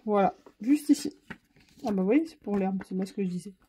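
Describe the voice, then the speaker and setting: A woman's voice: medium pitch, expressive, a little fast, background noise. A woman with a Ch'ti accent from northern France, chatting casually to viewers while she tries out art supplies. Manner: chatty, thinks aloud while painting. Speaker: craft channel host.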